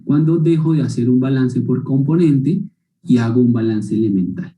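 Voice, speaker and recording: A man giving a university lecture, his voice dark and mellow. He asks the class questions and checks in after each point. The recording sounds echoey and picked up from a distance. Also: medium pitch, normal speed. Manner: questions students, tags statements with "¿no?". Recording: roomy, distant mic.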